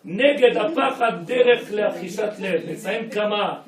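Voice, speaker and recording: Rabbi with a French Israeli accent, high-pitched, animated preaching that swings from hushed to shouting; echoey hall, mic off at a distance. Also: male voice, slow pace, a crowd in the background. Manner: animated, swings from soft to shouting, peppered with Hebrew. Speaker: rabbi giving a Torah class. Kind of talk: sermon.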